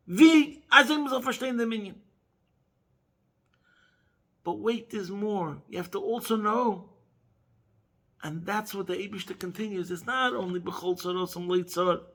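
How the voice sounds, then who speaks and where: A man teaching a Chassidic Torah class, mixing Yiddish and Hebrew phrases into English and rising to emphatic peaks. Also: bright, forceful tone. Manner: rises to emphatic high peaks.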